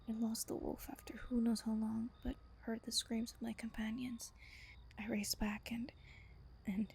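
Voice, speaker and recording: In this roleplay audio, a woman voices a tender female vampire sharing a bedtime story, her breathy, whispery tone soft and intimate yet wistful. She pitches her voice fairly high and exaggerates it noticeably.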